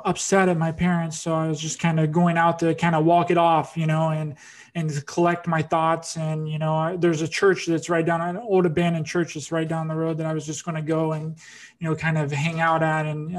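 Male podcast host, fairly high and monotone, casual and rambling. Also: brisk. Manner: rambling storytelling, many fillers and restarts. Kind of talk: casual interview chat.

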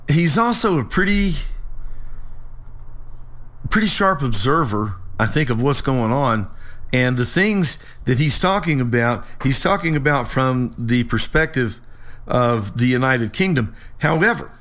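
A man hosts a political talk show alone, in a voice of average pitch. He comments without a script, informally, often halting as he gathers his next phrase. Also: animated, fairly bright tone. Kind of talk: unscripted solo commentary.

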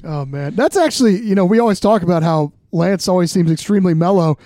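A man talks casually about sport as a podcast co-host. His voice sits high for a man, with a mellow tone. The sound is close and dry. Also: expressive, fast, no room sound.

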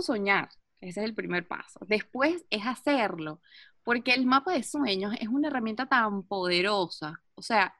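A woman's voice: mid-range voice, pushed and bright, dry recording, clean studio sound. A woman guest explaining a practice in an earnest way, repeating her key points. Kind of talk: casual advice.

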